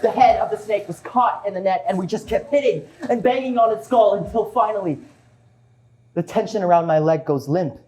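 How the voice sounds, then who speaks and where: A man playing both parts in a one-man show, here as a refugee father gravely recounting his survival in a measured stage monologue. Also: medium pitch, a little mellow, close to an everyday voice, rough recording. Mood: urgent, frightened.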